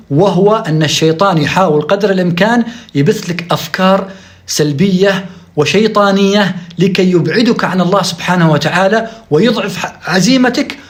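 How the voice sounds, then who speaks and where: A man giving an urgent, emphatic religious exhortation. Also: sits high. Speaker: preacher.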